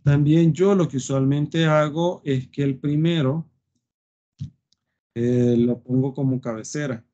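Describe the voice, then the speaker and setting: A man's voice: on the high side, fairly even intonation, measured pace, warm tone. A man teaching a live web design coding lesson, thinking aloud with fillers and often checking "¿sí?" with his students. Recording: dull lo-fi screen recording.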